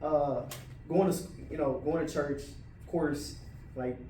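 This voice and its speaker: A man's voice: fairly high pitch, steady tone, unhurried, dark tone, far from the mic, slight background noise. A man in a casual discussion, talking in a laid-back way, full of fillers like "like" and "right". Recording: roomy audio from off-mic.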